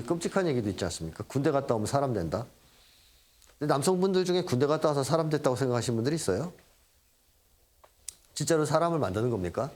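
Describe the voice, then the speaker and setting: A man's voice: mid-range voice, a little mellow. A middle-aged man giving a lecture, acting out quoted lines and chuckling now and then. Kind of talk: lecture talk.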